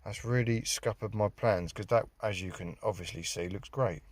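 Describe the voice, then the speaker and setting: In a casual DIY vlog shot inside a car, a British man wanders through a radio install with self-mocking, wry moaning. His fairly low voice moves at normal speed, with no room sound.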